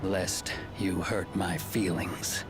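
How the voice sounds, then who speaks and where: Over background music, a male actor with a deep, steady voice and slow delivery plays a smug, condescending deputy chief of frontier lawmen in a video game. He uses an American accent and a pompous, mocking tone.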